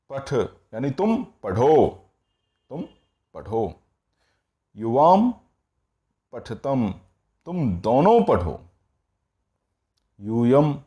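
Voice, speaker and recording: A man walks through grammar forms at a slow, deliberate pace. His mellow voice rises and falls a lot as he repeats each form patiently. He checks in often as a classroom teacher. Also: medium pitch. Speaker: Sanskrit teacher. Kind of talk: classroom-style grammar lesson.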